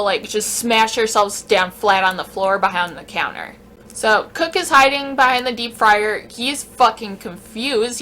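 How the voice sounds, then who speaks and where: A woman telling a casual, animated story on a vlog, swearing freely. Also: medium pitch, a little hiss or hum. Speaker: vlogger.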